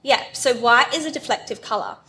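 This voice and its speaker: A young woman tells a story on stage, her voice sitting a little high. She chats freely and laughs often. A faint hum of noise lies behind her. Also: fairly quick, pushed and bright. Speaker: podcast co-host. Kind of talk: casual chat at a live podcast recording. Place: stage at a live event.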